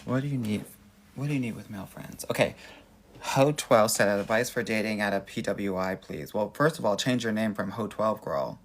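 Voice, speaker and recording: Casting: American male dating coach, fairly deep and creaky, sassy and effusive girly manner, informal live Q and A chat. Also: moderate pace, slight background noise. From Los Angeles, United States. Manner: sassy, effusive, girly best-friend way of talking. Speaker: dating coach and livestream host. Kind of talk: casual livestream chat answering viewer questions.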